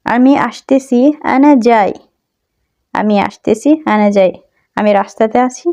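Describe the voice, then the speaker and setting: A young woman teaching phrases in a spoken lesson, repeating each line slowly and carefully in a chatty, humble way. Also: medium pitch, a little mellow. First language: Bengali. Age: young adult. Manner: slow, careful repetition of phrases. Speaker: language teacher.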